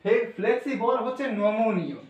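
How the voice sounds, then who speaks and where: A man's voice: sits high, expressive, moderate pace, a little mellow, lo-fi sound. A man teaching English pronunciation, explaining step by step and asking his students questions. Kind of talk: explanatory classroom lesson. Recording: echoey room, voice from far off.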